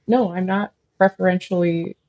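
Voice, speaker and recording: A woman's voice: lowish voice, steady tone, moderate pace, a little mellow, no echo, lo-fi sound. A woman social worker as a podcast guest, talking thoughtfully and at length with many fillers. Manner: admits feeling nervous while explaining. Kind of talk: casual podcast interview.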